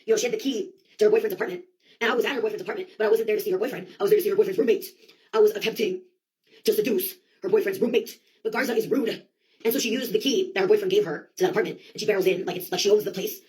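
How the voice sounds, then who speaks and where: This woman talks very fast in a mid-range, somewhat mellow voice, spinning a rambling comedic monologue packed with slang, swearing, theatrics and quoted outbursts, captured on a low-quality recording.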